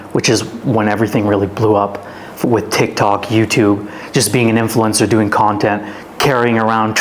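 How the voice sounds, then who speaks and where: A fitness influencer from Canada, a man in his twenties, appears as a podcast guest in a casual storytelling interview. His voice is mid-range, and a little hiss or hum runs under it. He narrates his life story loosely and rambles, dropping in "like" again and again among other fillers.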